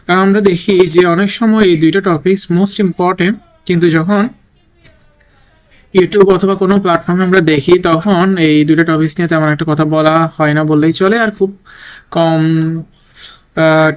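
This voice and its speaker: A man's voice: a little high, fairly even intonation, brisk. A man teaching a programming lesson while typing code, thinking aloud and often checking in with "okay?". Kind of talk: screen-recorded coding tutorial.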